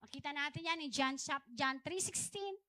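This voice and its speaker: A woman's voice: sits high, normal speed, pushed and bright, no echo. A middle-aged woman pastor, preaching a conversational church sermon full of chatty asides. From Philippines. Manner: chatty, digressive preaching with frequent asides and self-laughter.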